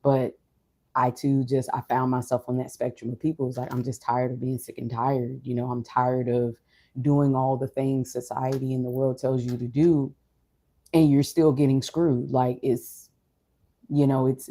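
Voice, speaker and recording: A vlogger talking casually and reflectively in a low-energy, unhurried, subdued way, with a mellow voice. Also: level tone. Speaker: streamer or vlogger. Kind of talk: casual reflective monologue to an audience.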